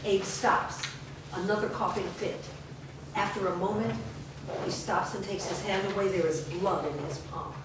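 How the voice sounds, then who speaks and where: A woman narrates the scripted stage directions at a live staged reading, her medium-pitched voice steady and moderately paced. Because the microphone sits far away in an echoey room, the recording sounds distant, very echoey and noisy.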